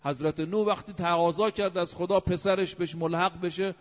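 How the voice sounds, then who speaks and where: A man's voice: sits high, steady tone. A male preacher giving an emphatic sermon, reciting Arabic scripture and counting off his points one by one. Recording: dull lo-fi recording with long hall reverb.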